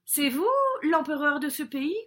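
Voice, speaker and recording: Woman reading as a young male bird: high, loud, keen, bold. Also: fairly even intonation, a little slow. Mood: wary.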